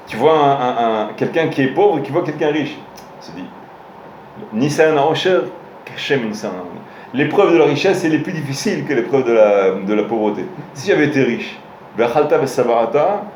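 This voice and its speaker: A man's voice: medium pitch, expressive, normal speed, darkish tone, a little hiss or hum. Man teaching a lesson in a roomy room. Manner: storytelling, with frequent restarts and hesitations; addresses listeners directly. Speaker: rabbi teaching a Torah class. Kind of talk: informal Torah lesson with stories. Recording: roomy room with faint ambience.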